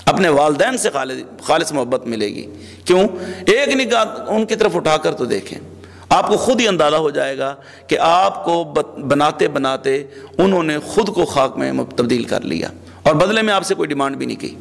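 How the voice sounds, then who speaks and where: A man's voice: on the high side, lively intonation, vocal fry. A man preaching a sermon as a religious scholar, pleading in repeated, emotional phrases. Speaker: Islamic preacher. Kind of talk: Urdu sermon. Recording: long hall reverb.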